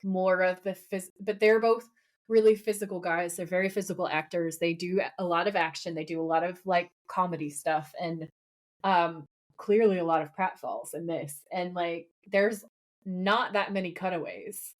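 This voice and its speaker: A woman's voice: fairly low pitch, steady tone, moderate pace. Chatty woman podcaster. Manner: chatty and enthusiastic, many fillers. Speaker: podcast co-host. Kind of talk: casual chat.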